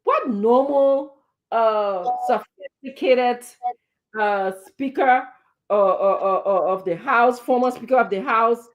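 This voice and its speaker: A woman's voice: fairly high pitch, takes it slowly, phone-quality sound. A woman giving impassioned political commentary on a talk show, emphatic and indignant, with repeated words and pointed rhetorical questions. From Liberia.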